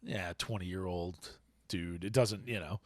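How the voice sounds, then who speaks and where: A man's voice: deep voice, measured pace, no room sound, clean studio sound. A man hosting a podcast in casual chat, rambling and searching for words as he recaps plots. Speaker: podcast host.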